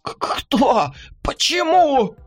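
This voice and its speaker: A man voicing a terrified male politician who stammers and shouts in panic. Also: extremely high pitch, sing-song, extremely slow, faint music behind, voice pushed up, heavily acted. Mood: panicked. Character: terrified trembling male politician, middle-aged.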